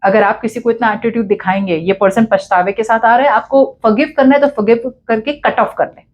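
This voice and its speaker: A woman's voice: fairly high pitch, fairly even intonation, a little fast, highs cut off. A woman giving a casual tarot reading in mixed Hindi and English, talking directly and emphatically to the listener and acting out quoted lines. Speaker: tarot reader.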